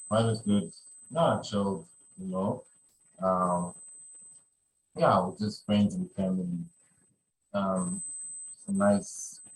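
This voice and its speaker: The audio is rough as this low-voiced podcast host rambles through a casual conversation. He keeps repeating phrases and says "you know" again and again.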